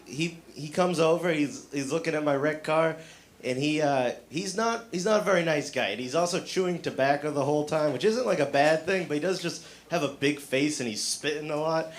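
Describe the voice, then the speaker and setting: A man's voice: on the high side, normal speed. A man from the South Shore of Massachusetts doing a stand-up comedy set on a club stage, self-deprecating and full of fillers. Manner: self-deprecating, filler-heavy delivery with acted quotes. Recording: noisy live club recording.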